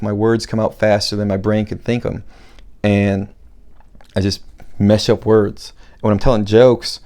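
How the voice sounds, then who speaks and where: A man with a low, mellow voice talks casually on his own podcast. He rambles and restarts, but keeps his delivery slow on purpose so every word lands. He grew up in Buffalo, New York. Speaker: podcast host and comedian. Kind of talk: casual solo podcast monologue.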